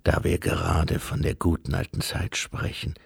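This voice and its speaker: A man voicing Death, a solemn, calm skeletal being, speaking slowly and in a hushed, grave way. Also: deep voice, gravelly, husky, dry recording, clean studio sound, voice pushed down, exaggerated voice. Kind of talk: audiobook character voice.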